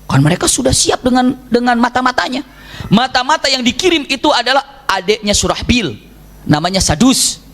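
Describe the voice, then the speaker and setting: A man preaching to a women's study group, telling a story in a lively way and acting out the speakers in it. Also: fairly quick. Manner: animated, swings pitch widely when voicing story figures. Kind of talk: sermon storytelling.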